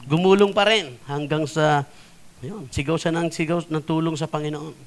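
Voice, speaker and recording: A man's voice: fairly high pitch, fairly even intonation, moderate pace. A man with a Filipino accent preaching a sermon as a pastor, telling stories and often asking the congregation "Amen?" as he slips between languages. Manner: storytelling preacher, mixing English phrases, frequent "Amen?" to the congregation. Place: church.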